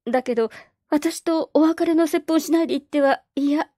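Storybook role: effusive motherly woman, read by a woman, high lilting voice. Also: moderate pace, mellow, no room sound, studio quality, natural voice. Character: warm chatty older woman, a street singer.

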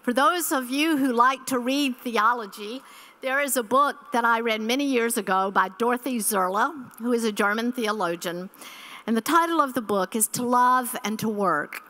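A woman's voice: fairly high pitch, normal speed, bright, forceful tone. A woman in her sixties giving an earnest keynote address at a church conference, speaking from a podium microphone on a hall stage and repeating key phrases.

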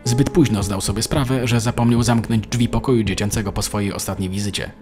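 A man narrating an animated story in a steady, measured manner. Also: on the low side, faint music behind. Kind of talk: scripted narration.

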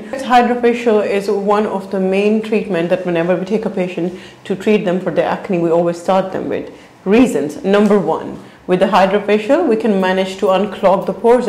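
A woman in her thirties, a clinic practitioner, explaining a facial treatment to camera on a lapel mic in a bright clinic room. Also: fairly low pitch, reverberant, low-quality recording. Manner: fluent, explanatory, fond of "basically".

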